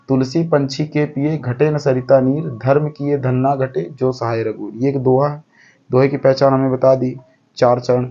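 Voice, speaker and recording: A man's voice: mid-range voice, dark tone, lo-fi sound. A man teaching a lesson step by step, counting aloud and often checking that the class follows. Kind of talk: explaining a lesson.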